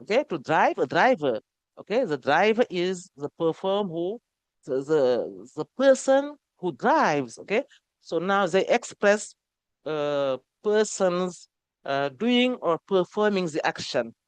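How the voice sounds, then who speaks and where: A woman teaching an English grammar lesson, who repeats each word slowly and keeps saying okay. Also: fairly low pitch, sing-song, no room sound.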